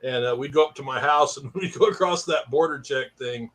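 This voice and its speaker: A man's voice: medium pitch, brisk, fairly bright tone. A middle-aged man telling rambling stories in a casual chat, laughing often.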